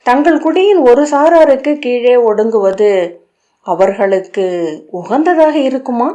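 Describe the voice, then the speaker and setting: A woman's voice: fairly high pitch, animated, measured pace, mellow, dull audio. A woman reading the lines of a shrewd female confidante in an audiobook, asking probing questions.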